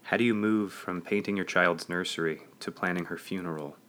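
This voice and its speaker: A man's voice: low-pitched, brisk, fairly bright tone. Earnest man narrating a memoir. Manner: earnest, reflective. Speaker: audiobook narrator.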